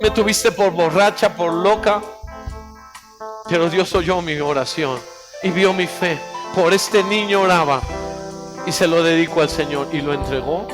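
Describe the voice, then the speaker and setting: A man preaching a sermon as pastor, exhorting fervently and dropping now and then into quiet asides. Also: on the high side, unhurried. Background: instrumental music.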